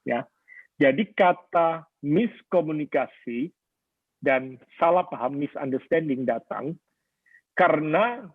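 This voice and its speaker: A middle-aged man preaching about marriage, talking straight to his listeners and drawing on stories from his own life. His voice is somewhat husky, with a dry, close sound. It comes through a thin, phone-like radio line. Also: on the high side, animated, slow, no room sound. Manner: personal storytelling, addresses listeners directly. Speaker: pastor. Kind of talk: sermon on marriage.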